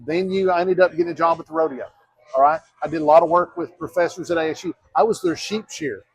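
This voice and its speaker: In a casual interview, a fiftysomething man running for mayor talks fast and earnestly, rambling with frequent restarts and quoted asides. His fairly high voice carries a breathy edge. The audio is poor, with no room sound.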